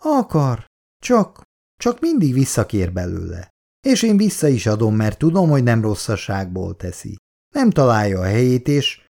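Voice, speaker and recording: A man voicing a worried, sighing middle-aged mother who frets over her grown children, raising his gravelly voice higher. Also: big pitch swings, mellow, exaggerated voice. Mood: fretful. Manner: fretful, sighing.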